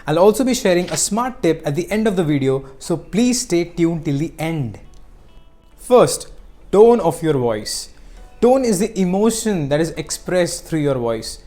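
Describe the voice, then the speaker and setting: A teacher giving scripted narration on speaking skills, explaining clearly and acting out short examples. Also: medium pitch, sing-song, a little slow, warm tone, soft background music.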